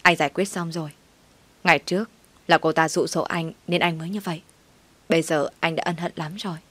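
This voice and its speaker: A woman's voice: low voice, steady tone, a little fast, a bit bright, breathy edge, dry recording. Woman voicing a cold, curt husband. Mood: pleading. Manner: curt, scolding. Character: cold, harsh young husband walking out.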